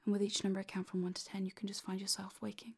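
Breathy whispering woman with vocal fry. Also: medium pitch, little pitch movement. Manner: soft, slow, commanding whisper. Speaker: hypnosis audio creator. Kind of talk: whispered hypnosis roleplay.

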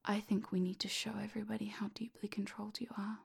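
Woman, hypnosis guide: husky, flat-toned whisper, soft and commanding. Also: medium pitch, fast talker. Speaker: hypnosis audio creator.

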